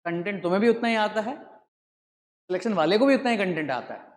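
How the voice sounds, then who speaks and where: Constantly quizzing his students with rhetorical questions, a man delivers a classroom lecture in a large hall that has long reverb. His high voice is animated and a little fast.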